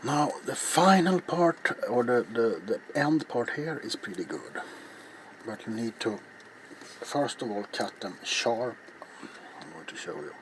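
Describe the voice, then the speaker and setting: A middle-aged man with a medium-pitched voice and lively intonation, speaking a little slowly, hosts a casual ASMR craft tutorial as he works. He rambles offhandedly and makes fun of himself. The noisy home recording from his small, cluttered indoor hobby workshop carries clear background noise.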